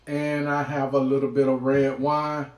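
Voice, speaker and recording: A man hosting a casual eating vlog, chatting informally and pausing often mid-thought. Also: mid-range voice, level tone. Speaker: food vlog host. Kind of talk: casual mukbang chat while eating. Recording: roomy, echoing indoor sound.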